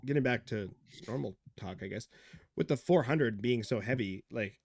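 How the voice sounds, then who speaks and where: A man co-hosting a podcast who tells stories with lively, joking energy and drops into goofy voices. His pitch is ordinary for a man. The sound is dry and close-miked. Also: normal speed, creaky, slightly rough, no room sound. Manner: animated storyteller, joking, does silly voices. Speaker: podcast co-host. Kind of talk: casual chat.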